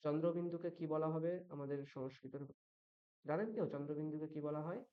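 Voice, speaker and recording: A man's voice: a little high, lo-fi sound. Patient man teaching chant pronunciation. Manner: patient, corrective, models pronunciation slowly. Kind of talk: online chanting class instruction.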